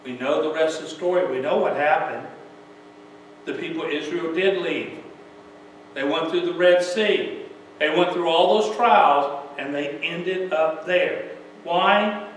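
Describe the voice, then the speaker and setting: A man's voice: fairly high pitch, a little slow. Folksy man preaching, questioning style; very reverberant sanctuary, distant mic. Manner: folksy, asks rhetorical questions. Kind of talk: sermon. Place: church sanctuary. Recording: very echoey church, mic far off, faint hum.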